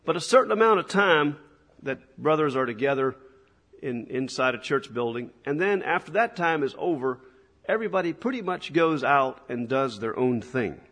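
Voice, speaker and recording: Husky, passionate male preacher. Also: medium pitch, animated, moderate pace, a bit bright, in a large hall. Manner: conversational, with rhetorical tag questions. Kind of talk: church sermon to a congregation.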